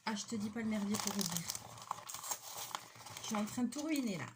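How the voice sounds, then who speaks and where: A woman's voice: medium pitch, animated, brisk, very noisy. A middle-aged woman from the French Basque Country, chatting casually and rambling with many fillers as she unboxes a craft kit at home. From Basque Country, France. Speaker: craft vlogger.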